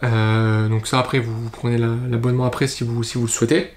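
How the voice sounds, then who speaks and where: A man walking viewers through a software setup in a casual screen-recorded tutorial, explaining step by step with frequent fillers. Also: mid-range voice, level tone, fast, slight background noise. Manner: casual, explanatory, many fillers and verbal ticks. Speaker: e-commerce tutorial host.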